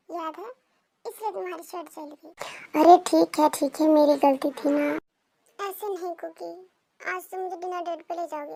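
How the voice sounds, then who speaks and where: A woman doing a loud whiny young husband, storybook reading, very high gravelly voice, pleading. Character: playful, stubborn young man, loud husband.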